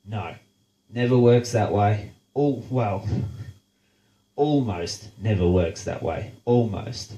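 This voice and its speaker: Speaking slowly in a low, dark voice, an Australian man hosting a show launches into a blunt, sarcastic rant laced with swearing. He sounds congested and nasal from a blocked nose. The audio is roomy and rough.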